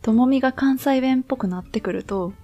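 A woman's voice: high voice, fairly quick, warm tone, highs cut off, soft background music. A woman from Kyoto speaking in a Kansai accent and dialect, chatting casually as a podcast co-host. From Kyoto, Japan. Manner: colloquial Kansai dialect phrasing. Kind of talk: casual chat.

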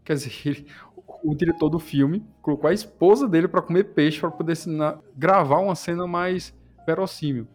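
A man's voice: fairly high pitch, normal speed. A man hosting a casual film discussion, retelling scenes with lots of rhetorical questions. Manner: animated storyteller, asks rhetorical questions. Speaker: podcast host.

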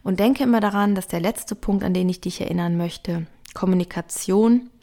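A woman hosting a podcast and giving parenting advice in a calm, earnest monologue, talking through her points one by one. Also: mid-range voice, normal speed. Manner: earnest, reflective, lists points calmly. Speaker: podcast host and parenting author.

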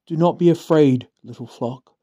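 Mellow New Zealand man reading scripture. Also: fairly high pitch, normal speed, breathy edge, lo-fi sound. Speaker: school staff member giving a Bible reading.

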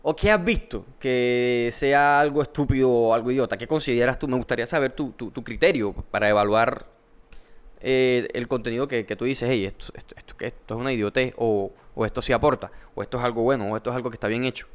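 A man's voice: medium pitch, fairly even intonation, quick pace. A man with a coastal Colombian accent interviewing casually, with informal slang and probing questions.

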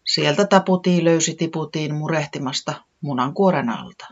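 A storyteller reading a children's story aloud with expressive narration. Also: mid-range voice, lo-fi sound.

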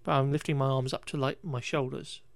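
A man's voice: mid-range voice, fairly even intonation, fairly quick, gravelly, no room sound. Podcast guy picking apart a movie, rambly and sarcastic, dry close sound, mid voice. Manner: rambling, wry and exasperated, with frequent restarts and laughs; occasional swearing. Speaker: podcast host recapping a film. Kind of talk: casual chat.

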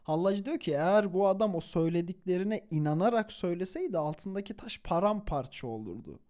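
A young man with a notably high-pitched voice tells a story in a relaxed, conversational way. He is animated and chuckles easily. He drops in slang and corrects himself mid-phrase. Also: fairly quick. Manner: animated, chuckles while telling; informal slang, self-corrections. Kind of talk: casual spoken storytelling.

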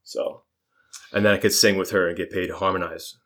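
Rambling, low-voiced man brainstorming. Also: flat delivery, fairly quick, fairly bright tone. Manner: rambling, self-correcting, laughs often. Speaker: podcast co-host. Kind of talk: casual brainstorming chat.

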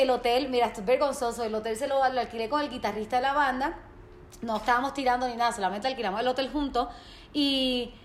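A woman's voice: high voice, reverberant. A woman, telling a story in a casual chat and dropping English words into her speech. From Puerto Rico.

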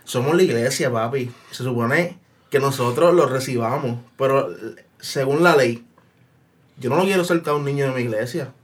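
A man's voice: medium pitch, moderate pace. A man co-hosting a podcast, talking in a laid-back way, setting up questions and cutting in. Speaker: podcast co-host. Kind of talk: casual podcast chat.

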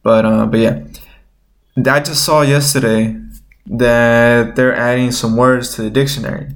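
A man's voice: mid-range voice, little pitch movement, a little slow. A man with a nasal, slightly stuffed-up voice, rambling informally as he hosts an unscripted solo show. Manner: rambling, informal, thinking aloud. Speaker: host of a solo podcast. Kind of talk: unscripted casual chat.

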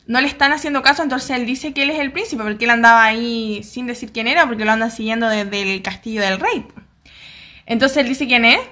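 Chatty Chilean woman with a bright voice. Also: fairly high pitch. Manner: chatty, acts out characters' lines, slangy asides. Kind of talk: casual retelling of a TV drama plot.

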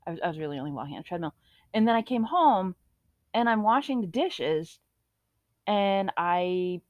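A woman's voice: medium pitch, darkish tone, no echo, studio quality. A young woman co-hosting a podcast, telling an embarrassing story in casual chat and laughing until she cries. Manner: laughing through her story, tearful with laughter. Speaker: podcast co-host.

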